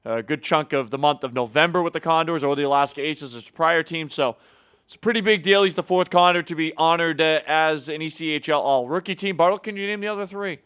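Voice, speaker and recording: A man's voice: on the high side, fairly quick, fairly bright tone, clear, resonant tone. A man hosting a casual hockey news segment, upbeat and teasing his co-host, with plenty of filler words. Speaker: show host. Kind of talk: casual sports news chat.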